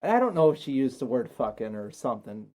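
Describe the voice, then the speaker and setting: A man's voice: medium pitch, big pitch swings, fast talker, darkish tone. Young man, guest, casual chat, laid-back, rambling, profane. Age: young adult. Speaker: guest, host's partner.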